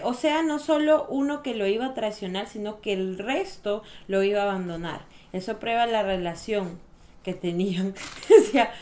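A woman's voice: medium pitch, slight background noise. A woman chatting casually and laughing with a friend as they read through a Bible passage and share notes. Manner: lively, laughing, reads verses aloud. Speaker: co-host of a Bible study chat. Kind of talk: casual Bible study chat.

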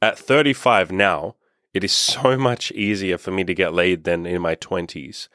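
Low-voiced profane man in his thirties. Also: fairly even intonation, measured pace, fairly bright tone, no room sound, studio quality. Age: 30s. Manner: candid, upbeat and heavily profane. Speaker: dating and self-improvement coach. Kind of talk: casual podcast monologue.

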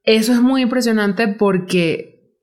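A woman's voice: on the high side, measured pace. A woman hosting a casual conversation, telling stories and acting out quoted voices. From Venezuela. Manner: animated storyteller who acts out quotes. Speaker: podcast host.

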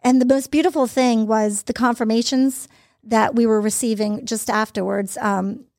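A woman's voice: a little high, steady tone, moderate pace, a little mellow, no room sound, studio quality. A woman telling her family's story in an interview, earnest and fluent. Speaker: interview guest, mother. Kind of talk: personal testimony, casual storytelling.

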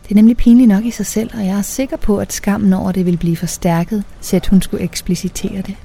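A woman's voice: medium pitch, steady tone, gravelly, mellow, breathy edge. A young adult woman reading a first-person story aloud in a conversational way, lightly acting out the dialogue. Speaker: audiobook narrator.

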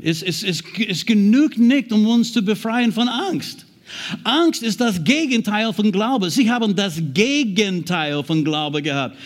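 High-voiced preacher man. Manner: earnest, repeats himself, often says "weißt du". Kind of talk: sermon.

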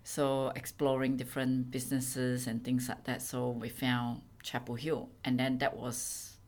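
A middle-aged woman from Singapore with a Singaporean accent, a venue owner chatting as an interview guest in halting, plain phrasing. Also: a bass voice, completely flat delivery, darkish tone. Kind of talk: casual interview chat.

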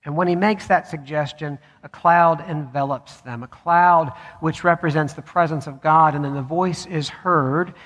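High-voiced preacher in a reverberant hall. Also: male voice, fairly bright tone. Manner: measured, with deliberate pauses. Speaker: pastor. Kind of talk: sermon. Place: church sanctuary.

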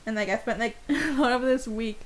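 A soft-spoken woman in her twenties chatting frankly, laughing often. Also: a little high, brisk. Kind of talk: casual chat.

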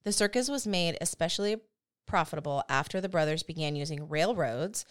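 This podcast host, a woman in her thirties, has a voice that sits low and moves a little fast. Her history tale comes out as casual, chatty storytelling, full of self-deprecating jokes and frequent laughter.

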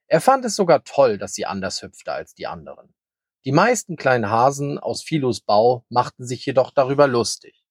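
A man narrates a children's story in a calm, measured tone, his husky voice rising and falling in a lively way. The recording is dry and close, with no room sound. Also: medium pitch, no echo.

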